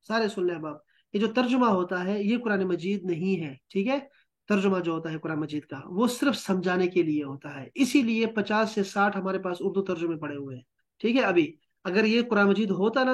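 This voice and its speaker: A man teaching a Quran translation class, patiently explaining word meanings and checking in with students. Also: sits high. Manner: patient, explains with repeated checks like "theek hai?".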